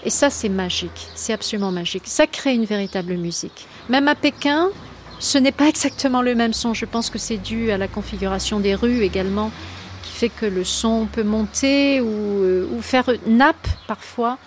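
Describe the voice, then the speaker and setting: A woman's voice: fairly high pitch, moderate pace. A woman speaking reflectively in an interview, searching for words and repeating phrases for emphasis. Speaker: interviewed poet and flight attendant. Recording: clear ambient noise behind voice.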